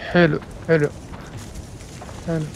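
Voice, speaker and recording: A man's voice: fairly high pitch, flat delivery, slow pace, gravelly, background noise. A young man commentating as he plays a horror game, talking himself through each step with nervous exclamations. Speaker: gamer.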